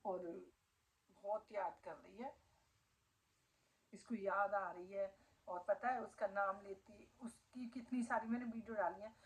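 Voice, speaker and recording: A woman's voice: mid-range voice, fairly even intonation, measured pace, long pauses, a little hiss or hum, low-quality recording. A middle-aged woman vlogging casually at home, emotional and doting as she talks about her pet dog. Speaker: family vlogger. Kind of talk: casual home vlog talking to viewers. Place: at home indoors.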